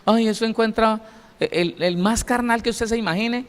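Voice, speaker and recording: A man voicing a gossipy male churchgoer who talks in a high, soft, tattling way. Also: normal speed, clear, resonant tone, lightly acted. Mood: gossiping. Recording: long reverb of a large hall.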